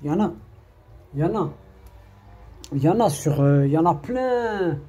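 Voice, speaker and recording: Mellow-voiced man preaching a rambling reminder. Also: a little high, lively intonation, moderate pace, highs cut off, faint music behind. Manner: rambling and repetitive, sprinkled with Arabic religious phrases; scolding, streetwise warnings. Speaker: preacher giving an online religious reminder. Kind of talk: informal spoken religious reminder.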